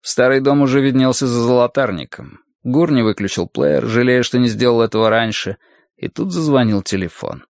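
A male audiobook narrator with a gravelly, mid-pitched voice tells the story at a brisk, even clip. The recording is dry and close-miked, with no room sound around him. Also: no echo. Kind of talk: scripted narration.

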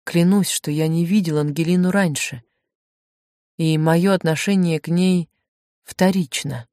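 A shaken young man in love, voiced by a woman reading a storybook, speaking low and hushed. His lines come out muted and lower than the narration, slow with distress. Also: fairly even intonation, no room sound, studio quality, lightly acted. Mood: dejected. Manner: muted, subdued delivery. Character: young male postgraduate, shaken and lovesick.

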